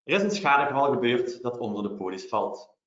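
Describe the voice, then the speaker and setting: A man with a Belgian Dutch accent lectures on legal matters, explaining each point in a measured, step-by-step way with practical examples. His voice has a mid pitch. The webinar audio is roomy and somewhat muffled. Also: big pitch swings, a bit bright. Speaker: lawyer presenting.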